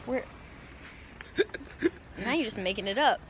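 A woman's voice: mid-range voice, expressive, unhurried, a bit bright, slight background noise. A young woman vlogging in casual chat, upbeat and chatty with lots of fillers, filming herself on a handheld camera. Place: outdoors walking, then store aisles.

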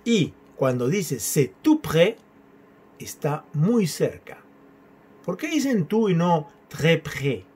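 A man with a husky, slightly high voice teaches a beginner French lesson. He explains in a lively, patient way, then slows right down to model each French phrase carefully for the learner to repeat.

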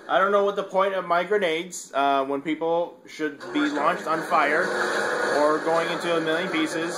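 A man giving frustrated, swearing commentary while playing a shooter game, with loud outbursts. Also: on the high side, very noisy. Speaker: gamer. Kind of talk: gameplay commentary. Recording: loud game sound behind.

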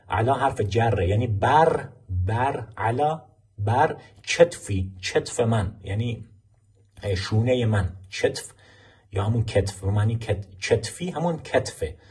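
A man teaching a language lesson, explaining film clips and slowly repeating phrases for learners to practice. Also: medium pitch, darkish tone, husky.

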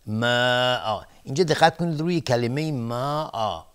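A man with a somewhat low voice gives a televised Quran recitation lesson. He goes through each rule methodically and one step at a time. His delivery stays soft-spoken and low-key. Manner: methodical, explains rules step by step.

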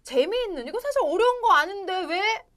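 Lively, high-voiced woman teaching English. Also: fairly quick, a loud crowd. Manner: playful, addresses viewers often, laughs a lot. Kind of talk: animated TV English lesson.

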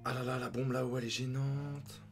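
A young man commentating his own game as a gaming youtuber, thinking aloud and breaking into excited outbursts. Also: mid-range voice, brisk, over music. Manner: excitable, talks to himself, sudden outbursts.

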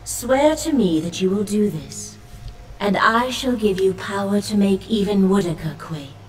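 A woman voicing a gentle, solemn goddess in a video game, speaking in a measured goddess voice. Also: medium pitch, animated, distant mic, slight background noise, natural voice, poor audio. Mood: grave, urging. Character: gentle, solemn bird goddess granting a quest. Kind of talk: scripted video game voice acting.

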